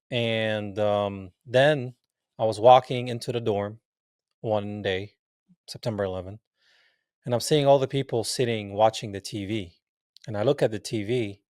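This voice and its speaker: A Palestinian man in his forties, a native Arabic speaker, tells stories as a guest in a casual interview, animatedly acting out quoted dialogue and laughing often. His voice is medium-pitched, with clean studio sound and no echo.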